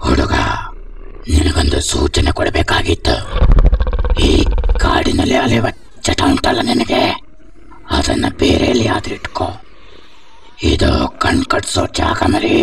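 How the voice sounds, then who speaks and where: A gravelly, ominous forest stranger. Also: male voice, very deep voice, big pitch swings, full character voice. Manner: slow, grave, menacing. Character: mysterious forest man giving an ominous warning. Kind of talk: film dialogue. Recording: distant voice, faint noise.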